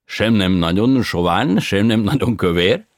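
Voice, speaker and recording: A man voicing an expatriate male opera tenor who speaks in halting, broken grammar, slowly and emphatically, in an audiobook reading. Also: lowish voice, lively intonation, dry recording, clean studio sound, pitched above the performer's own voice. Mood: earnest, eager.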